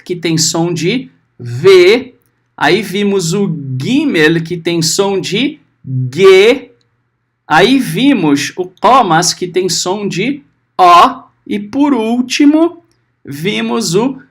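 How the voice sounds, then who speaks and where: A man teaching a Hebrew class. He is patient, checks often that his students are following, and sounds out letters and syllables slowly. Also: high-pitched, fairly bright tone, slightly rough. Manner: patient, often checking understanding with short tags. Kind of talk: recorded class lesson.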